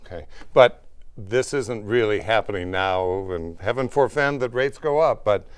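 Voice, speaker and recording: A man's voice: lowish voice, unhurried, slight background noise. A man with an American accent hosting a conversational broadcast interview. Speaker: TV show host and interviewer.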